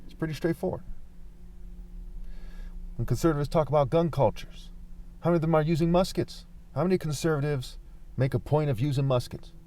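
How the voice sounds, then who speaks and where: A man's voice: on the high side, fairly quick, long pauses, mellow, a little hiss or hum. A man giving an informal political monologue, argumentative, leaning on rhetorical questions and repeating his points. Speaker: political commentator.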